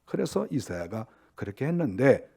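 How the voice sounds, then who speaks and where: A male pastor preaching a sermon in an emphatic way, swinging between loud stresses and quiet asides. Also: medium pitch, sing-song, moderate pace, gravelly, husky.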